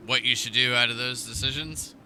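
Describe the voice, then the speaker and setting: A man's voice: mid-range voice, steady tone, fairly quick, pushed and bright, a little hiss or hum, rough recording. A man running a tabletop game as game master, chatting loosely and laughing often. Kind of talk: casual tabletop game chat.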